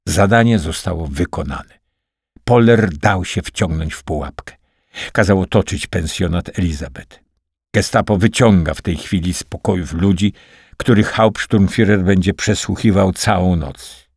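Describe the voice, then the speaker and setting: A man narrating a wartime spy novel as an audiobook in a steady, dramatic reading. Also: deep voice, moderate pace, breathy edge, dry recording, clean studio sound. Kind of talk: scripted narration.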